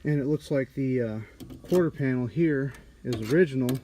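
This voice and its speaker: A man's voice: medium pitch, mellow, slight background noise. Man muffled behind a respirator mask. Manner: halting, many fillers while working. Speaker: car restorer. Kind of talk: casual workshop narration. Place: auto body garage.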